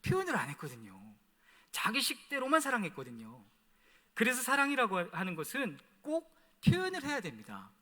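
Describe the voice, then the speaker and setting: Male pastor, lively sermon, bright tense voice, long echo of a church hall. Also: extremely high pitch, fairly quick. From South Chungcheong, Korea. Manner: storytelling, chatty, asks the congregation questions. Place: church sanctuary.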